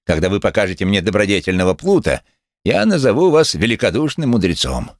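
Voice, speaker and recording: A man's voice: lowish voice, sing-song, a little fast, no room sound, studio quality, pitched above the performer's own voice. A man voicing a sneering one-legged male cynic who speaks with mocking contempt. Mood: scornful.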